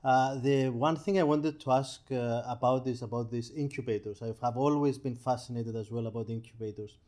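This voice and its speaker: A man co-hosts an interview podcast. He sets out his question slowly and politely, offering options for the guest. His voice has an ordinary middle pitch. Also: steady tone, darkish tone. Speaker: podcast co-host. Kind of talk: conversational interview.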